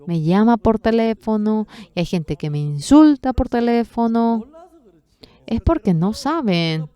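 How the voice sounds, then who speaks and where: A woman's voice: fairly high pitch, expressive, measured pace, mellow, clean tone, dry recording. A woman interpreting a sermon, telling a story earnestly with emotional swells.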